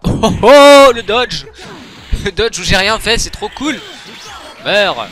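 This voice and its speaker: A man's voice: high voice, expressive, takes it slowly, sharp tone. A young man giving casual let's-play commentary, joking and trash-talking the game with crude humor. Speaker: gaming YouTuber.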